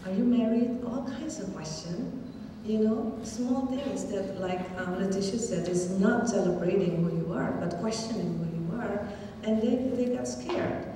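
A middle-aged native Indonesian speaker with a mid-range, dark-toned voice talks a little slowly, giving an earnest public talk as a shelter advocate with many fillers and repeated phrases. She's at a podium mic in a large hall with an audience, but a distant camera recorded her, leaving roomy reverb and a little hiss or hum.

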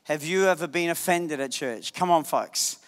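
Male preacher, high voice, animated and jokey, shouting bits for emphasis, church hall echo. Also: moderate pace. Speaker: guest preacher. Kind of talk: lively sermon. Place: church sanctuary.

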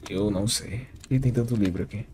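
A man's voice: lowish voice, brisk, darkish tone, slight background noise. A man with a Brazilian Portuguese accent hosting a gaming channel, joking and talking to his viewers in casual gameplay commentary. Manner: joking, talks to the viewers as he plays.

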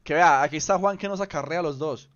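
A man's voice: on the high side, fast, fairly bright tone, clear, resonant tone, lo-fi sound. A young man, chatting casually on a game stream, teasing and greeting viewers by name. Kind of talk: casual live-stream chat.

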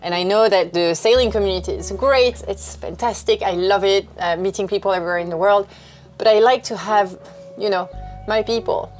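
A sailing vlogger in her thirties talks casually and candidly to camera, explaining things through a clip-on wireless lapel mic. Her voice is medium-pitched and fairly quick, with background music playing.

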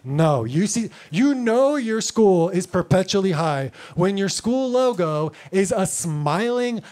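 With audience laughter in the background, a stand-up comedian in his thirties rambles loosely through a club set, leaning heavily on "like" and "you know." His high-pitched voice is slow and darkish in tone, with lively intonation.

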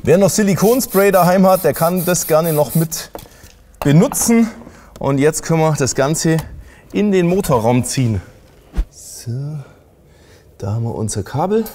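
A man's voice: on the high side, expressive, measured pace, long pauses, warm tone, a little hiss or hum. A middle-aged man explaining a car audio installation step by step in a casual, plain way while he works in a workshop. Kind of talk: hands-on installation tutorial.

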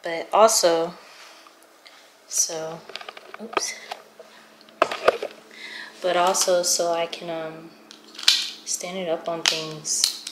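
A young woman vlogger chats casually to viewers while doing chores in her small apartment, out of breath and filmed on a camera mic as she moves around. Her fairly low voice is very slow, with little pitch movement and frequent pauses. The room is echoey and noisy.

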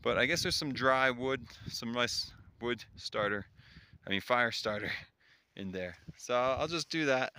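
This solo hiker's voice sits at medium pitch, pushed and bright yet clean, and he takes his time. Walking with a handheld phone or camera through windy, open mountain country, he narrates his vlog in a chatty, awed way, often laughing softly and exclaiming at the sights. The audio is noisy and has clicks.

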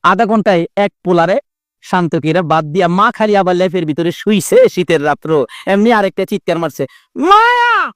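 Man preacher, very high smooth voice, dry close mic, sing-song sermon delivery. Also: brisk, no echo. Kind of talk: Bangla waz sermon.

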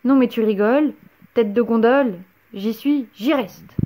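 A woman's voice: fairly high pitch, a little slow, background noise, lightly acted. A woman voicing a sneaky, mean witch in a children's story, sly and snickering. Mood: sneering.

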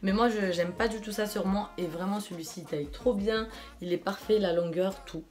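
A woman's voice: mid-range voice, fairly even intonation, a little fast, a little mellow, soft background music. A young woman from France chatting casually through a clothing try-on haul, enthusiastic and full of fillers. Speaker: fashion vlogger.

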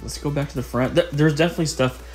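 A man in his thirties hosting a casual vlog, excited and chatty while browsing an indoor flea market. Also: a little high, rapid-fire, faint music behind. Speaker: host.

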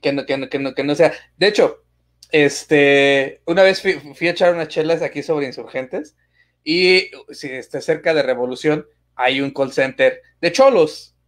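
A man's voice: fairly high pitch, measured pace. A man co-hosting a casual podcast, telling stories in crude slangy banter with bursts of laughter. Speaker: podcast co-host. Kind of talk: casual chat, storytelling.

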